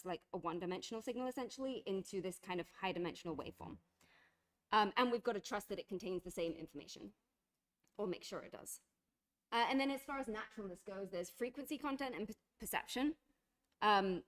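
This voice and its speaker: A woman giving a university lecture, explaining step by step with frequent fillers and restarts. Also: mid-range voice.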